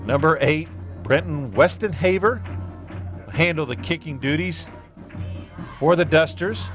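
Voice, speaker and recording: A man doing play-by-play commentary on a local football game, calling plays briskly with relaxed asides. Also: on the high side, soft background music. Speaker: play-by-play announcer.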